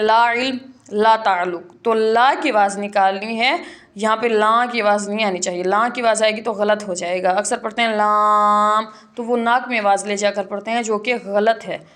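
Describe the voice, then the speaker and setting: A woman teaching Quran reading in an online lesson, explaining rules and then slowly spelling out letters and drawn-out syllables. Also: on the high side, steady tone, fairly bright tone.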